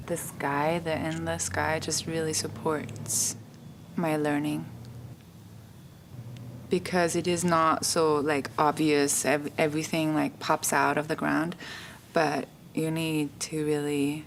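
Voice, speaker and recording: Slow, gravelly woman. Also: deep voice, slight background noise. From Austria. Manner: slow and dreamy, searching for words. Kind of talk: testimonial interview.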